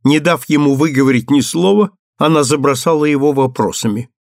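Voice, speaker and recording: A man narrating a novel as an audiobook in a measured, even reading. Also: a little high, creaky, no room sound, studio quality. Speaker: audiobook reader.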